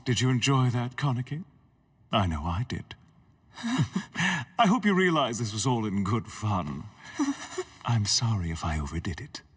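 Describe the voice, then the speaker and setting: A man voicing a flamboyant, refined and sinister gentleman gourmand in an anime dub, florid, courtly and smug. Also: lowish voice, sing-song, unhurried, long pauses, husky, distant mic, heavily acted. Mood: silky gloating. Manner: florid, courtly, silky, theatrical. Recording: loud music behind.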